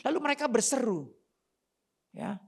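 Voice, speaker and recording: Gravelly woman preaching animatedly. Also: fairly high pitch, normal speed. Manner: animated preaching, with rhetorical questions and sudden emphasis; slangy and conversational in the pulpit. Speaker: pastor. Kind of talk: sermon.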